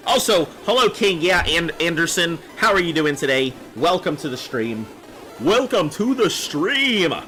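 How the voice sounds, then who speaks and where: A man from the United States in his thirties, though he sounds much younger, chats casually on a game stream, rambling and using fillers. His voice is on the high side with a sharp tone.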